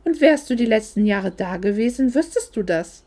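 A woman's voice: on the high side, lively intonation, normal speed, dark tone. A woman voicing a cold, dismissive middle-aged mother who talks down to her grown daughter in a curt, condescending way. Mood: cool, reproachful.

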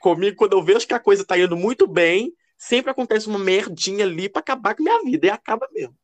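A man co-hosting a podcast, telling gossipy stories in a casual, animated way. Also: fast talker. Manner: expressive, lively pitch. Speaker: podcast co-host. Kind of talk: casual chat.

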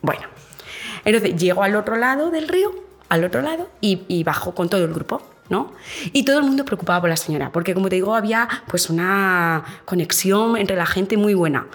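A woman tour guide in an interview, telling her work stories in a lively way and acting out the dialogue. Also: medium pitch, fairly quick, soft background music. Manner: animated storyteller, acts out dialogue with many restarts.

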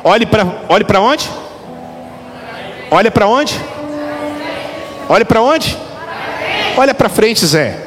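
A middle-aged man, a pastor, preaching a lively, joking sermon straight to his congregation. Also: high voice, slow, pauses often. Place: church hall. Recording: reverberant hall with faint music.

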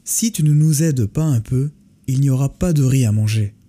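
A man's voice: medium pitch, normal speed, dark tone, close to an everyday voice. A man voicing an angry old father who scolds his son. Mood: scolding.

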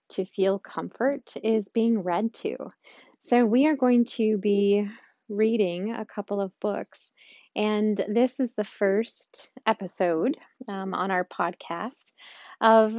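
A woman hosting a wellness podcast, calmly reading a book aloud with soothing, deliberate phrasing. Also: medium pitch, no echo. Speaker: counseling center staffer, podcast host reading aloud. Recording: dull, muffled lo-fi recording.

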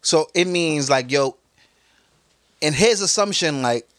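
Podcast host, a New man, joking and animated, his voice jumping around a lot. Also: on the high side, slow pace, no echo. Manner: loose, expressive, joking, mock voices. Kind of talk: casual banter.

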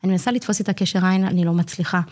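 Nurse lady in her 40s, retelling a case, acts out the dialogue, lots of uhs, lowish voice. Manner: earnest, animated retelling that acts out quoted dialogue; frequent hesitation fillers. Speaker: community child-health nurse. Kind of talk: personal story in an interview.

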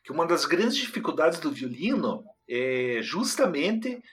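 A man's voice: fairly high pitch, very animated, measured pace. A man, co-hosting a casual chat about classical music and explaining things eagerly, with many fillers and restarts. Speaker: co-host.

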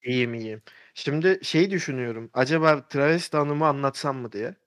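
A man's voice: mid-range voice, a little fast, a bit bright. A man telling a story in a casual podcast chat, rambling with fillers and restarts.

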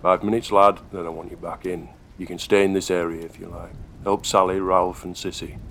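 A man voicing a kindly but brisk middle-aged mine overseer who speaks in a fatherly way. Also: low voice, level tone, fairly bright tone, slight background noise. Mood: gruffly practical. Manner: brisk, fatherly, calls the boy lad.

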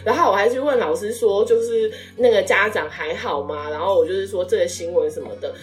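A woman's voice: mid-range voice, a little fast, recorded from a distance, faint music behind. A woman in her thirties, a guest in a casual chat, telling a personal story with feeling and acting out what people said. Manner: emotional storytelling, animated quoted speech.

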